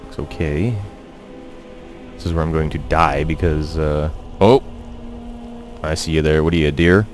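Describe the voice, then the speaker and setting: A young man doing casual, halting, sardonic commentary as he live-streams a video game. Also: extremely low pitch, steady tone, soft background music. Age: young adult.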